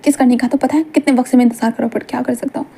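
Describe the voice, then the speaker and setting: A woman voicing a calm, protective young husband who talks in a soothing way. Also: high-pitched, very fast, gravelly, slightly rough, heavily acted. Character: gentle protective young husband, mafia man.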